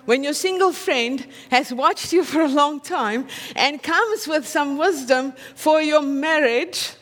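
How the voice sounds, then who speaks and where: A woman with an Afrikaans accent preaches a sermon conversationally in a high-pitched voice, and a long reverb tail trails her words. She keeps checking in with her listeners through tag questions.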